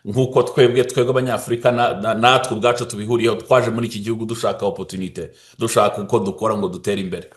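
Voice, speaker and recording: A man who speaks and interprets, talking fast and often stopping to restart his words. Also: lowish voice, fairly even intonation.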